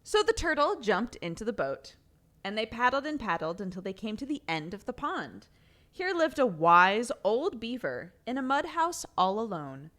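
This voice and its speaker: A woman's voice: a little high, fairly bright tone. A woman streamer chatting casually and reading a storybook aloud, giggly and offhand, swearing now and then.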